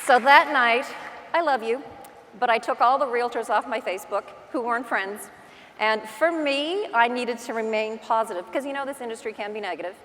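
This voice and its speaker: On stage in a large indoor conference hall, this woman speaks at normal speed in a slightly bright voice on the high side. A real estate agent with a Newfoundland accent, she gives a casual, self-deprecating motivational talk with stories and acted-out asides, while long hall reverb, a faint crowd and a little hiss or hum come through.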